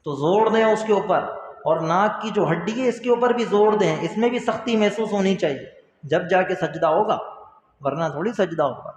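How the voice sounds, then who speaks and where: A man teaching a religious lesson who poses questions and answers them himself, repeats key points, and calls his listeners brother. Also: sits high. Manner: earnest, addresses listeners as brother. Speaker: Islamic teacher. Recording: echoey hall with long reverb.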